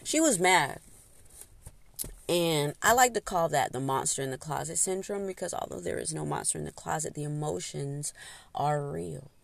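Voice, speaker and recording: A woman hosting a podcast, telling a story in a casual, animated way, laughing and snacking as she talks. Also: normal speed, vocal fry, no room sound. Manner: animated, laughs often, acts out quotes in high voices; eats while talking. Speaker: podcast host.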